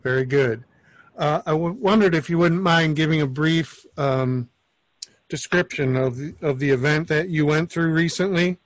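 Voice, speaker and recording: A man hosting a call, speaking hesitantly with many pauses and restarts. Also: on the high side, no room sound. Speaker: host. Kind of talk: casual chat moderating callers.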